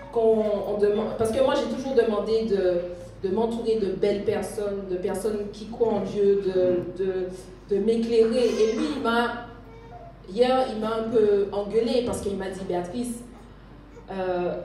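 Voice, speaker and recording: A woman's voice: mid-range voice, warm tone, slight background noise. A woman telling her faith testimony as a church member, hesitant and searching for words, often restarting, sometimes laughing. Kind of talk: spontaneous spoken testimony. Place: church hall. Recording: echoey room, mic at a distance.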